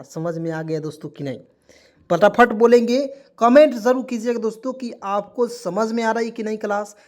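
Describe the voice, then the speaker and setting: A man's voice: high voice, darkish tone. A man teaching a beginner online lesson, spelling words out letter by letter, repeating each point and quizzing his listeners with rhetorical questions while calling them friends. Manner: keeps addressing listeners as friends.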